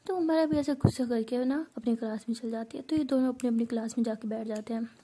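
A woman narrating a story in a rapid, breathy whisper. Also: fairly high pitch, steady tone, mellow, a little hiss or hum.

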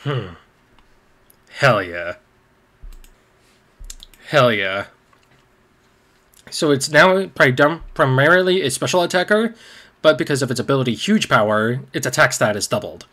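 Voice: medium pitch, expressive, fairly quick, fairly bright tone. A gaming video host giving casual playthrough commentary and reading on-screen text aloud, with game music behind.

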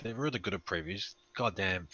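A man's voice: low-pitched, a little fast, bright, forceful tone, no echo, highs cut off. A man co-commentating a game in casual banter, joking, swearing freely and tripping over his words.

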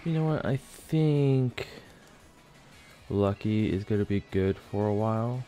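A man's voice: fairly low pitch, animated, takes it slowly, warm tone. A man giving casual Let's Play commentary as a gaming YouTuber, chatting to the game and its creatures as he plays. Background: faint game music.

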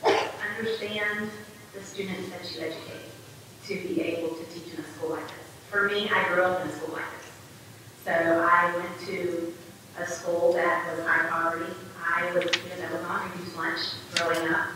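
Teacher lady talking in a doc clip, flat steady voice, sounds far off and really echoey. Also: on the low side, normal speed, background noise. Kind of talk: documentary interview. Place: classroom, indoors. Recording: film clip heard from far off in a roomy hall.

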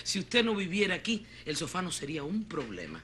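An actress with a Cuban accent playing a bossy, scornful housewife in a telenovela. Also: female voice, on the low side, wildly swooping pitch, fairly quick, a bit bright, slight background noise. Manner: blunt, mocking, exclamatory. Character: blunt scornful middle-aged housewife, bossy. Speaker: sharp-tongued mother-in-law. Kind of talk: telenovela acting.

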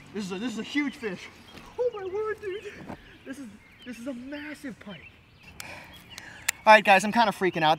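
A young man vlogging a fishing trip outdoors, talking in an animated way and exclaiming often. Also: high-pitched. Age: young adult. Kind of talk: excited outdoor vlog commentary. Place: outdoors by a river and creek. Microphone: action camera on the body and at arm's length. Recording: faint outdoor noise from an action camera.

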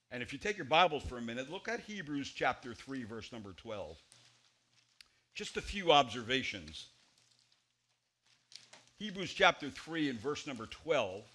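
Pastor, male, 40s, preaching from a church pulpit, bright forceful voice, big emphatic swings. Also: very animated, moderate pace. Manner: emphatic, gesturing widely, swings between loud stresses and quiet low drops. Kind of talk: expository sermon.

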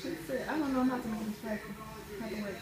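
Higher-voiced woman. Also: steady tone, racing, reverberant, crowd noise. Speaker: mother filming her son. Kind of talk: casual chat. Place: small dental treatment room, behind the phone camera.

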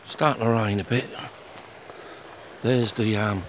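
A man's voice: lowish voice, steady tone. A man, chatting casually as he walks around a fishing lake filming on a handheld phone. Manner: chatty, unhurried, plain-spoken. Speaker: angler filming his fishing trip. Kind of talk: casual walk-and-talk vlog. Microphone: handheld phone camera. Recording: faint outdoor noise.

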